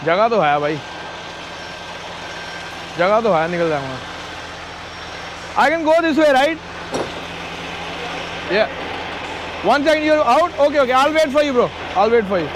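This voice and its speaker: A trucker vlogger from India with a very high voice chats casually and animatedly with his viewers, calling them "brother." He takes his time with long pauses, moving between his truck cab and a snowy yard outdoors, and the background is noisy.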